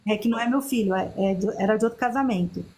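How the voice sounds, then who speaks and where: A woman, a podcast guest telling her personal story in an earnest, unhurried way. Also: medium pitch, a little mellow. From Chile. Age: 50s.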